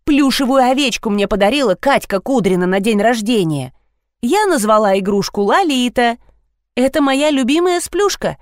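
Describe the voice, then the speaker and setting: A woman's voice: on the high side, animated, moderate pace, a little mellow, dry recording, studio quality, pitched above the performer's own voice, lightly acted. A woman reading a story, voicing a touchy, dramatic teenage girl who whines and sulks. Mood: offended. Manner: whiny, dramatic.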